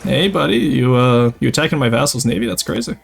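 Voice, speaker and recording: Fast, animated, gravelly and husky, this medium-pitched voice comes from a young French Canadian streamer with a light Québécois accent, from Quebec, Canada. He's chatting casually with viewers while playing a strategy game. In this casual gameplay livestream he's chatty, reading and answering chat as he plays.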